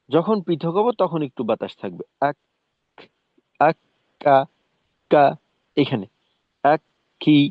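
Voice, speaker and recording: A man teaching Quran recitation in a recorded lesson. He demonstrates letter sounds slowly, one syllable at a time. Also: fairly high pitch, no room sound. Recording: tinny phone-like dry sound.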